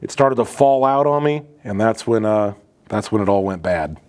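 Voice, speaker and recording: A man's voice: lowish voice, expressive, moderate pace, darkish tone, a little hiss or hum. A man in his thirties, a welding instructor, talking casually through a demonstration in an indoor welding shop, loose and conversational, with frequent fillers.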